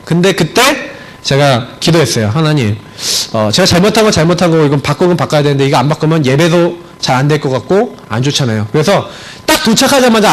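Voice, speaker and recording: A man preaching in a church sanctuary tells a family story during his sermon, alternating between emphatic peaks and hushed, low narration. The recording is rough.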